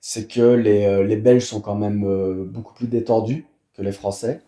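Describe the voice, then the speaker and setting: A Belgian-accented man from Wallonia talks casually as an interview guest, his tone mellow and dark in timbre. He hesitates often, repeating words and filling pauses. The sound carries a noticeable room echo. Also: fairly low pitch, fairly even intonation. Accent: Belgian French. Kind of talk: casual conversation.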